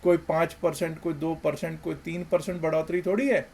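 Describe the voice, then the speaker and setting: A man giving emphatic commentary as a market analysis host, with rhetorical questions and swings between loud and soft. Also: a little high, fairly even intonation, fairly quick, vocal fry, a little hiss or hum.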